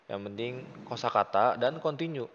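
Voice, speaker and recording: A man's voice: mid-range voice, animated, normal speed. Indonesian male Arabic tutor, patient and encouraging, muffled reverberant audio. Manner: patient, encouraging, praises often. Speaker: Arabic teacher. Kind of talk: casual online tutoring lesson.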